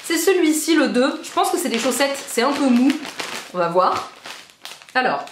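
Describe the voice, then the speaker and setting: A young woman from France, a beauty vlogger, gushing excitedly in a casual unboxing vlog, repeating words for emphasis. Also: sits high, moderate pace, a little hiss or hum. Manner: bubbly and gushing, repeats trop trop. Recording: echoey room.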